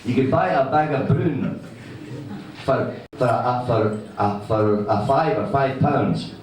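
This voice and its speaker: A man speaks in a broad Scottish accent from a distance in a very reverberant live venue. He is a folk singer chatting between songs, halting and conversational, with a mid-pitched voice. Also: slight background noise. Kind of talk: casual spoken introduction to a song at a live gig. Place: live venue before an audience. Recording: very echoey live room, distant microphone.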